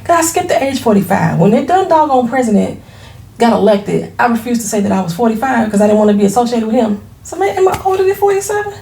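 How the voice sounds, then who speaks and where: A woman's voice: a little high, big pitch swings, fast talker, vocal fry, warm tone, roomy sound. A woman in her forties, a small business owner, chatting frankly to camera at home, laughing easily and using casual slang. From Florida. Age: 40s. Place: her home, products on shelves behind.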